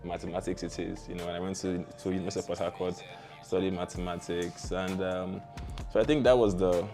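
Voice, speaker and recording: A man's voice: sits low, steady tone, brisk, over music. A young Nigerian man with a Nigerian accent, a startup founder relaxedly telling his life story in an interview, with slangy asides and easy laughs.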